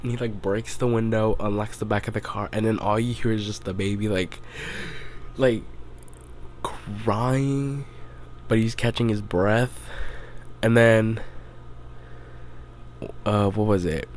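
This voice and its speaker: Young male podcast host, low-pitched, rambling casual recap, filler-heavy. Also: fairly even intonation, slow pace, long pauses, a little hiss or hum. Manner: loose storytelling, heavy on "like", swearing.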